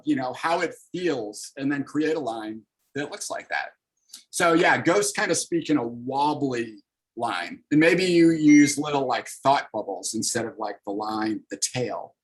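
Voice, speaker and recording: A man's voice: mid-range voice, poor audio. A man in his thirties, a comics artist leading an online library workshop, talking casually and upbeat with many fillers over a video call.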